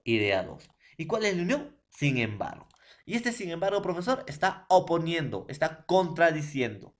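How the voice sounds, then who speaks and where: A male secondary school teacher with a Peruvian Spanish accent and a medium-pitched voice lectures an online class, constantly checking in with his students. He stresses key terms with emphatic rises and drawn-out slow words, and habitually repeats "profesor" and "¿ya, jóvenes?"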